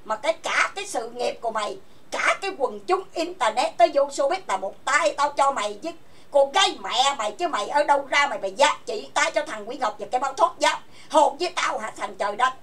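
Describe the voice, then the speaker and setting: A woman hosts an online voice chat and scolds in a furious, cursing rant. Her voice sits high and sharp in pitch. She sounds set back from the microphone, as if speaking across the room to her computer. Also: animated, fairly quick, distant mic. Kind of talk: angry rant. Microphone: computer voice chat mic.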